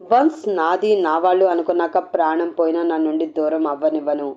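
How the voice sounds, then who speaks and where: A woman's voice: low-pitched, fairly even intonation, close to an everyday voice. Woman voicing a threatening gang boss guy, sneery, possessive, kinda muffled lo-fi recording. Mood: sneering. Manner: sneering, threatening, slow and soft then snapping. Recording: dull lo-fi audio.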